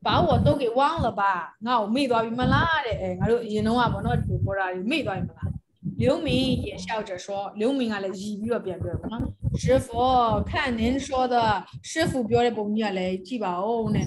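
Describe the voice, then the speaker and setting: A woman's voice: mid-range voice, fairly quick, noisy background. A woman teaching a Chinese class, explaining phrases and calling on students to read. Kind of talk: classroom instruction.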